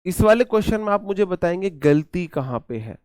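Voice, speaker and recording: A man's voice: high voice, lively intonation, brisk, darkish tone, clear, resonant tone, no room sound, studio quality. A man with an Indian accent teaching an exam-prep English grammar lesson, repeating key points and quizzing his students.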